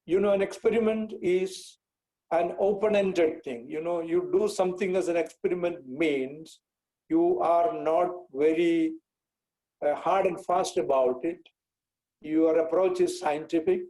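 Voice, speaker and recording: A Kerala man in his sixties with a Malayalam Indian English accent lectures as a guest speaker on a video call from an indoor room with a bookcase. His voice sits on the high side and sounds mellow, and he explains in a measured, deliberate way, repeating phrases for clarity. The online talk is explanatory, and the recording is rough.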